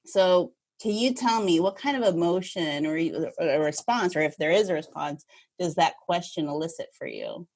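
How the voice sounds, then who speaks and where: Woman podcast host, low voice, from northern kentucky, chatty, laughs easily, long winding questions. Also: big pitch swings, normal speed, a little mellow. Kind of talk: podcast interview.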